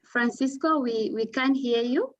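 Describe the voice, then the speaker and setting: A woman's voice: on the high side, a little slow, dull audio. A woman moderating an online panel, politely and formally handing the floor to each speaker. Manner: polite, formal turn-giving.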